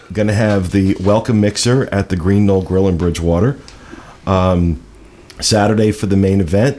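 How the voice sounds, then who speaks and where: A man hosting a casual podcast, chatty and reading out event listings with quick asides. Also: on the low side, darkish tone. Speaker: podcast host.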